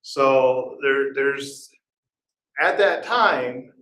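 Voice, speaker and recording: Speaking extremely slowly in a medium-pitched, somewhat bright voice, a conference speaker gives an informal talk. He quizzes the room and laughs at his own expense, while the echoey hall makes him sound distant at moments.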